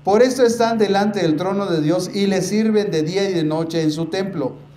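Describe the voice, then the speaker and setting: A man preaching a sermon as pastor, emphatic, often calling out to his brothers and slowing down to stress key words. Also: high-pitched, warm tone. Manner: preaching, repeatedly addressing the congregation as brothers. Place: church. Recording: echoey church room with faint noise.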